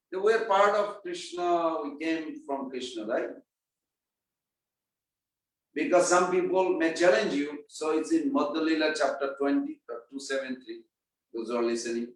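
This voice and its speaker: A man giving a scripture class, talking casually, quizzing his listeners and chanting verses. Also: a little high. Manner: conversational, quizzes the audience. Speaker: spiritual class speaker. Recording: echoey room, mic far off.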